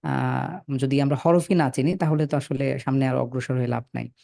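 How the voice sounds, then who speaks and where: A man teaching Quran reading over a video call, patiently but firmly correcting students and spelling letters slowly. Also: medium pitch, fairly even intonation, creaky, warm tone, no room sound, studio quality. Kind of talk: online class, correcting students.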